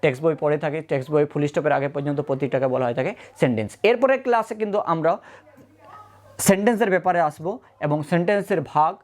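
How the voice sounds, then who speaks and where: A teacher leads an online grammar lesson at a middling pitch. The teacher poses questions and answers them, checks often that the class follows, and slows down to spell words out letter by letter. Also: darkish tone.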